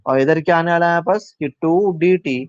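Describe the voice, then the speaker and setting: Male maths tutor, slightly high voice, dull dry recording, walks students through steps and quizzes them. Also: brisk, clear, resonant tone, no echo. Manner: talks through steps aloud, asks students questions; mixes English maths terms into Hindi. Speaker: maths teacher. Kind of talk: live online maths class.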